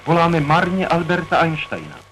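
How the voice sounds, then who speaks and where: A male radio announcer making a formal, measured broadcast announcement, heard from an old archival radio recording. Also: on the high side. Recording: noisy distant 1930s radio recording.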